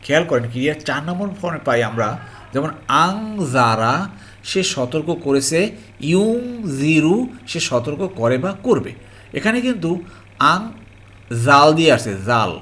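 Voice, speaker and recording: A man teaching an online Arabic grammar lesson on the Quran in a Bangladeshi Bengali accent, explaining slowly and repeating points while checking that viewers understand. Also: on the high side, big pitch swings, fairly bright tone. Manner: slow, repetitive explanation with frequent "ji" and "alhamdulillah"; addresses viewers as "priyo mohtaram" and checks understanding.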